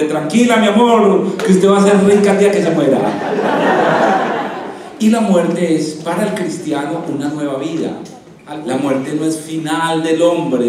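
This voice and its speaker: A man giving a playful, animated sermon to a youth congress in a large hall. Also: a little high. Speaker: speaker. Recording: echoey hall from far off.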